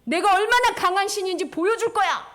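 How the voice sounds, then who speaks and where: A woman's voice: extremely high pitch, fairly quick, fairly bright tone, pitched above the performer's own voice. A woman in a children's sermon voicing God, who makes emphatic proclamations to the people. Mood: proclaiming. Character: God, a stern yet promising voice.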